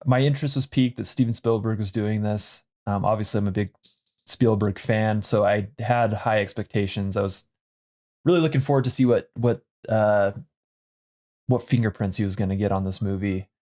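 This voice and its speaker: A man in his thirties co-hosting a podcast, talking thoughtfully with many pauses and fillers. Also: lowish voice, a little mellow. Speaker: podcast co-host. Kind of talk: casual chat.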